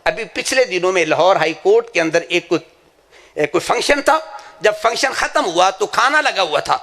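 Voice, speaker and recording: High, gravelly-voiced impassioned male preacher. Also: animated, a bit bright. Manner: impassioned, storytelling, swears sincerity. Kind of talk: religious sermon with anecdotes. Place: madrasa gathering.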